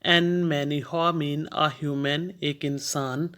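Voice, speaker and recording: A man teaching a vocabulary lesson at a slow, deliberate pace. His voice sits fairly high for a man. He repeats each word carefully before explaining it. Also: steady tone, a bit bright, clear, resonant tone. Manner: repeats each word slowly, then glosses it. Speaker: language teacher. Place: lives abroad, teaching newcomers.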